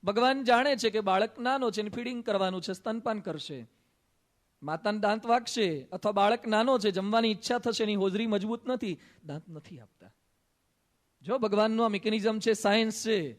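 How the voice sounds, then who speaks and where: A Gujarati monk delivers a sermon to a gathering in a hall. His voice sits high for a man, and he tells anecdotes, voicing both sides of the exchange with light humor. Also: brisk. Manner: storytelling with quoted dialogue and humor. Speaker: monk preacher. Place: assembly hall.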